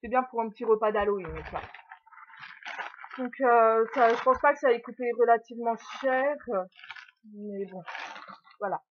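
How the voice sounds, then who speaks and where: A woman's voice: on the high side, normal speed, long pauses. A young woman chatting casually and giggling through a haul video at home, filling her talk with little hesitations and talking to her puppy. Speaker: vlogger. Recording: dull lo-fi sound.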